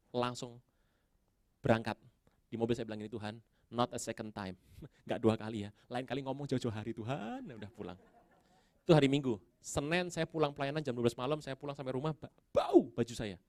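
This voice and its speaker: A middle-aged pastor tells a story in his sermon and acts out every exchange, his voice leaping high for the dramatic moments. His pitch sits in an ordinary middle range. The sound is dry and close, with no room in it. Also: brisk, no room sound. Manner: animated storytelling, acting out his own prayers and dialogue with big pitch jumps.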